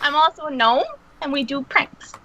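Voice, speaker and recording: A woman's voice: high voice, normal speed, highs cut off, a crowd in the background. A woman playing a tabletop game, speaking in a matter-of-fact, dry way. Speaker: player. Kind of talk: tabletop role-play chat.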